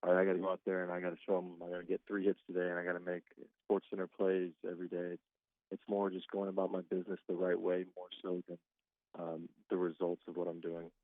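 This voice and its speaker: A twenty-five-year-old baseball player, on as a guest, talks fast in a deep voice during a casual phone call. He's laid-back and chatty and laughs a lot, all over a tinny, dry line.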